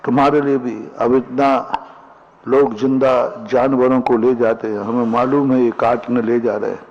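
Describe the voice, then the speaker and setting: A male Jain monk preaches in a slow, deliberate storytelling manner, slipping into little acted quotes and folk sayings. His voice sits at an ordinary middle pitch. The recording sounds dull and lo-fi, like a broadcast capture. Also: flat delivery. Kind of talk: sermon.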